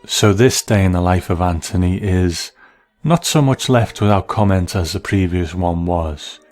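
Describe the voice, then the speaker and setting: A man with a very low-pitched, slightly mellow voice hosts a review podcast, offering considered, reflective commentary at a measured pace as he weighs his points. Faint music plays behind him.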